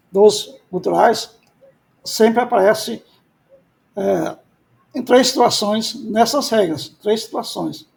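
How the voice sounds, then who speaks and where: A pastor gives a classroom lecture teaching biblical Hebrew, his high-pitched voice creaky and a little mellow. He goes over key points more than once and supplies answers to his own questions.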